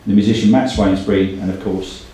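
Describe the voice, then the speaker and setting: Brisk and steady, a middle-aged man with a fairly low, dark voice hosts an event, thanking people and reading out names. He's the company director, speaking in a very echoey hall a good way from the microphone.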